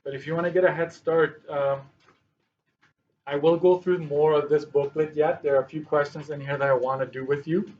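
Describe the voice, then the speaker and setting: A male math teacher working through problems in a class lesson, thinking aloud slowly, with dry sarcastic asides. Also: on the high side, level tone, muffled recording.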